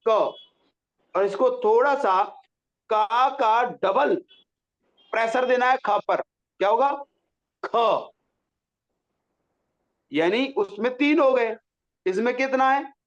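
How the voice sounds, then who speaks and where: A man's voice: very high-pitched, unhurried, muffled recording. A man teaching a pronunciation lesson, patiently drawing out syllables to demonstrate them. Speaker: Sanskrit teacher.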